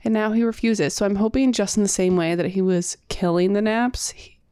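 A sleepy young woman talks through a casual podcast chat in a flat, rambling way. Her voice is mid-pitched and recorded dry and close. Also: a little fast, clear, resonant tone, no room sound. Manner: self-described monotone, rambling with fillers. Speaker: podcast co-host.

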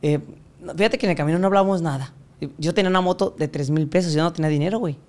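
A man's voice: a little high, rapid-fire, darkish tone. A young Mexican man with a Mexican accent, telling a crude, slang-filled story in casual chat. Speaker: podcast guest telling his story.

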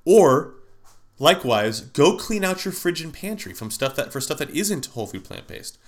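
A man with a slightly high voice hosts a podcast alone, speaking at a moderate pace and in a very animated way. His sinus cold gives him a nasal, congested sound, and he rambles casually with frequent fillers and restarts.

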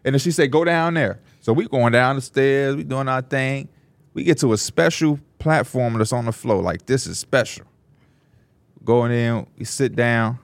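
A man co-hosting a podcast, telling a story in casual slang and jumping into high voices to quote people. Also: normal speed, no room sound. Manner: slangy, laughs through his stories. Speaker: podcast co-host.

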